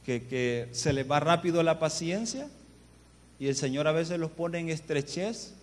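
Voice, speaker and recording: Pastor preaching in an echoing hall. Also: male voice, fairly high pitch, unhurried. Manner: earnest storytelling, addresses the congregation often. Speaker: guest pastor. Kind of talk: sermon. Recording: long church reverb, faint background noise.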